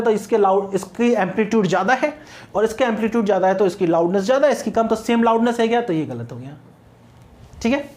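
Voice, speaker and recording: Speaking in a high pitch and an Indian English accent, a male teacher runs a phonetics lecture for exam prep, blending Hindi with English. He's patient in his explanations and keeps making sure the class is keeping up.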